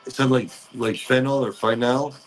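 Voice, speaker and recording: A man speaking as a spirit medium, relaying messages in short, halting fragments during a ghost box session. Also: mid-range voice, fairly even intonation, rough recording.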